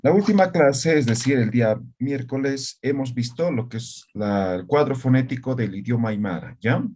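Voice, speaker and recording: A man's voice: mid-range voice, animated, normal speed, darkish tone. A man teaching an online language lesson, explaining patiently and often checking in with his students, sometimes repeating syllables to demonstrate sounds.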